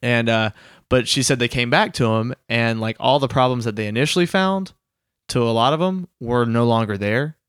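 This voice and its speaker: A young man co-hosting a podcast, explaining music in a relaxed, rambling way. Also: medium pitch, moderate pace, clean tone, no room sound, studio quality. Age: young adult. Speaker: podcast co-host. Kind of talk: casual chat.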